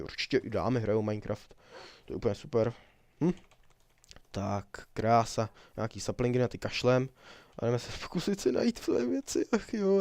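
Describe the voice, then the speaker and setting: A young man talks his way through a survival game, rambling and cracking jokes as he goes. His voice sits at an ordinary middle pitch. The recording is dry, with no room sound around it. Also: dry recording. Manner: chatty, rambling, jokey, laughs often. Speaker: let's player. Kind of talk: casual gameplay commentary.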